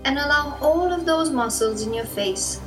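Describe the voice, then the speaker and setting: A woman leads a hypnosis induction, speaking slowly and softly in a soothing, even manner. Her voice sits fairly high. New-age music plays clearly beneath her words. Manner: soft, slow, soothing instructions. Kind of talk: slow guided hypnosis induction. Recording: music bed behind the voice.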